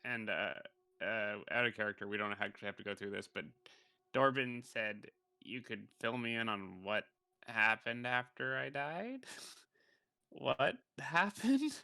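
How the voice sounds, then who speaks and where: A man's voice: fairly low pitch, steady tone, moderate pace, bright, forceful tone, clean tone, dry recording. A man playing a tabletop role-playing game, chatting casually in and out of character.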